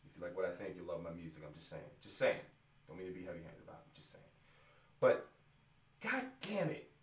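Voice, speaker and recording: A man's voice: sits low, wildly swooping pitch, fast, far from the mic, a little hiss or hum. A young man going on a profane, exasperated rant about wrestling in a casual vlog. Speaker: rapper venting about wrestling. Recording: roomy echo, away from the mic.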